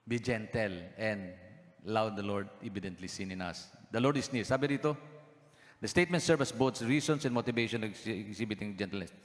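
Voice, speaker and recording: A man's voice: fairly low pitch, normal speed. A male pastor preaching a sermon, switching into English phrases and asking the congregation questions, with a cough that lingers. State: has a cough. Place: church hall. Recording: long church hall reverb.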